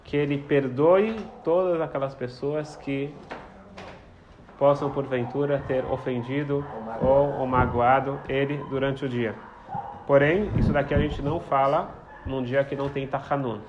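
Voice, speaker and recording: A man's voice: mid-range voice, fairly even intonation, unhurried. A man teaching a prayer text to a small group, explaining and telling stories, often repeating his phrases. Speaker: Torah teacher. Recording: slightly dull, faint background noise.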